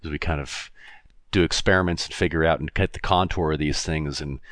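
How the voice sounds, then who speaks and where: A man's voice: a bass voice, fairly even intonation, a little fast, fairly bright tone, no echo, clean studio sound. A man co-hosting a podcast, explaining ideas in a casual, thinking-aloud way and laughing easily. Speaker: podcast co-host.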